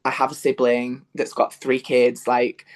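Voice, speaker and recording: With a mid-range, level voice at a slightly slow pace, a young man from Yorkshire talks in a Northern English accent as a guest in a relaxed interview. A musical theatre performer, he fills his speech with fillers and restarts.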